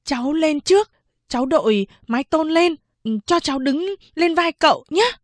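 A woman's voice: high voice, animated, normal speed, dry recording, studio quality, pitched above the performer's own voice. Woman putting on an eager, pleading young boy. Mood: urgent coaxing. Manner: urgent, coaxing. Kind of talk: audiobook character voice.

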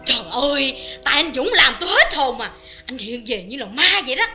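An actress with a Southern Vietnamese accent playing an affectionate, sharp-tongued wife in a radio drama, talking in a chatty, teasing way. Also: female voice, high-pitched, very animated, brisk, heavily acted. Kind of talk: vintage radio drama acting. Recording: clear music behind.

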